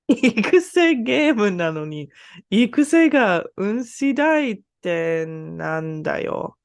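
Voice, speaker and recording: A woman's voice: on the high side, creaky, a little mellow, no echo, clean studio sound. A woman who is a native English speaker, casually studying a language aloud, talking to herself and repeating syllables as she sounds them out. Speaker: language learner hosting a practice session.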